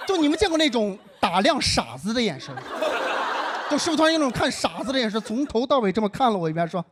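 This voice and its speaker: A young adult man from northern China doing a stand-up set, telling self-mocking stories in an animated way. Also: very high voice, fast talker, very noisy. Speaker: stand-up comedian. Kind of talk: stand-up comedy performance. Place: live comedy stage.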